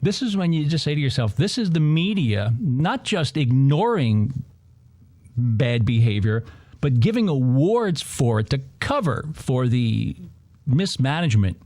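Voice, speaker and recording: A man's voice: medium pitch, big pitch swings, measured pace, warm tone. A man hosting a political commentary show, talking in a heated, sarcastic way with mocking asides.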